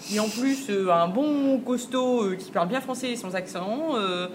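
A woman co-hosting a podcast, chatting in a lively, amused way. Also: fairly high pitch, normal speed, noisy background. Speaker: podcast co-host. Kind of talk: casual chat.

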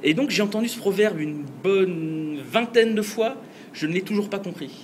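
A man's voice: high voice, normal speed, a little hiss or hum. A man hosting a podcast, talking casually and chattily and laughing often. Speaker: podcast host.

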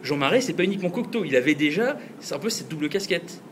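A man with a somewhat high voice hosts a casual podcast chat and talks easily at length. He laughs often. Faint ambient hiss sits under his voice. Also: lively intonation, fast. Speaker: podcast host.

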